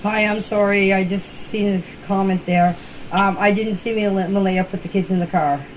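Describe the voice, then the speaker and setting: A community member in her fifties, speaking at a moderate pace with medium pitch and fairly even intonation, sends a personal phone voice message about a case. The recording is low quality with a little hiss or hum, and she's emphatic and earnest, repeating for stress.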